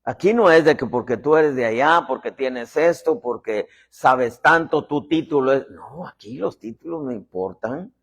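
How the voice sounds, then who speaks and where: A man's voice: mid-range voice, lively intonation, normal speed, hardly any pauses, husky. A middle-aged man preaching a sermon in a folksy way, joking and having the congregation repeat phrases. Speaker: apostle preaching.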